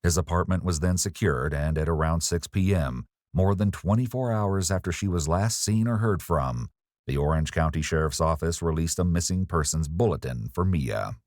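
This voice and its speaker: Deep-voiced man narrating true crime. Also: a little mellow, no room sound, studio quality. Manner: measured, ominous. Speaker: documentary narrator.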